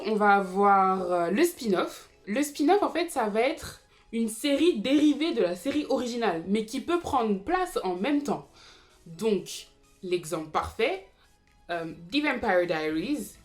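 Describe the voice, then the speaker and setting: A woman in her twenties chatting casually to viewers about TV series, with frequent fillers and asides. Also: medium pitch. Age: 20s. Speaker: YouTube TV series commentator. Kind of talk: casual explainer vlog.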